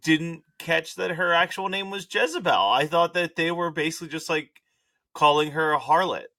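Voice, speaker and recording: A man's voice: fairly high pitch, moderate pace, bright, forceful tone. A man guesting on a podcast, bantering playfully about a movie in casual chat.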